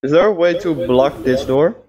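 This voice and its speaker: A man's voice: fairly high pitch, normal speed, mellow, lo-fi sound. A man playing a tabletop game over voice chat, thinking aloud in a tentative, casual way. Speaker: player.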